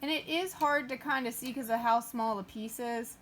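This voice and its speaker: A woman's voice: fairly high pitch, moderate pace, a bit bright, slight background noise. A woman hosting a casual sewing tutorial, chatting and using lots of fillers as she talks through each step while she works. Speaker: craft tutorial host.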